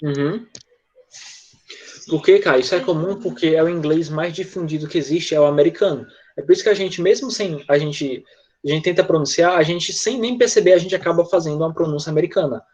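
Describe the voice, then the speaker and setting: Brief: male teacher, slightly high voice, patient explainer, lo-fi online-call audio. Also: darkish tone, a little hiss or hum. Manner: patient, checks in often with quick tag questions. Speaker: English teacher.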